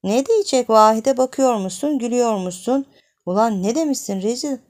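A woman voicing a rough, jealous young village man who talks in a gruff, demanding way. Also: fairly high pitch, normal speed, darkish tone, pitched above the performer's own voice, close to an everyday voice.

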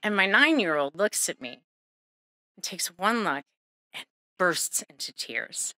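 A woman in her thirties telling a true story live on stage, lively and laughing, acting out the people she quotes with big jumps in pitch. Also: measured pace, no room sound, studio quality.

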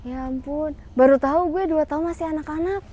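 A young woman hosting a casual vlog, asking curious questions and gushing with excitement. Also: high-pitched, fairly quick. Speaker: vlogger host. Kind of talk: casual vlog chat at a tiger enclosure.

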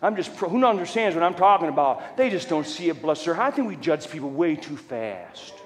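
Man, middle-aged, testimony sermon, high voice, loud and joking, shouts, long hall reverb. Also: animated, brisk. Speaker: preacher and fire department chaplain. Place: large church hall.

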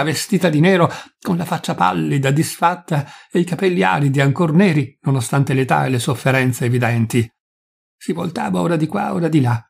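A man narrating a classic short story, measured and dramatic. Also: a little high, gravelly, a little mellow, breathy edge. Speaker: audiobook narrator. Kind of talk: literary audiobook reading.

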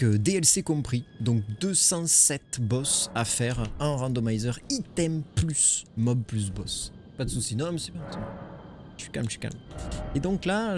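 Excitable French man streaming a game. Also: medium pitch. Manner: excitable, swearing, joking with chat. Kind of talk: casual gaming stream commentary. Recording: music behind voice.

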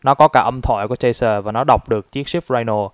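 A man's voice: medium pitch, fast talker, clean tone, dry recording, clean studio sound. Chatty man reviewing a toy. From Vietnam. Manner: chatty, explains step by step with many fillers. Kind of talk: casual product review.

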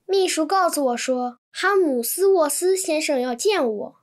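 A woman reading translated textbook sentences in an even, clear manner. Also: sits high, moderate pace. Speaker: Chinese translation reader.

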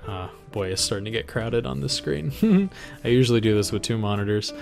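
A young man casually talking through an audio software tutorial on a desk mic at home, rambling with fillers and self-corrections. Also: fairly low pitch, animated, fairly quick, creaky, soft background music. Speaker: tutorial host. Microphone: home desk microphone.

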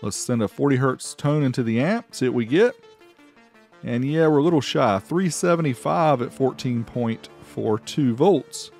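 Music runs faintly behind a middle-aged American man as he gives a casual review voice-over for his car audio amplifier channel, full of playful, showy emphasis. He speaks at normal speed in a darkish, medium-pitched voice.

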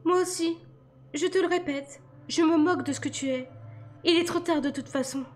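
A woman's voice: very high voice, normal speed, soft background music, pitched above the performer's own voice. A woman voicing a stubborn, sulky teenage girl in a storybook reading. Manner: insistent, pouting.

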